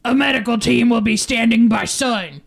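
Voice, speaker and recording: A man voicing a startled, loud older father in a comedic fanfiction reading. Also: very high-pitched, normal speed, vocal fry, voice pushed up, exaggerated voice. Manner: exclaiming, raised voice.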